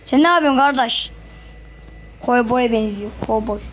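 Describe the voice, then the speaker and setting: A woman giving casual gameplay commentary for her channel, excitable and chatty, often repeating words as she talks to other players. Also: fairly high pitch, normal speed, a little hiss or hum. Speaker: gaming channel host.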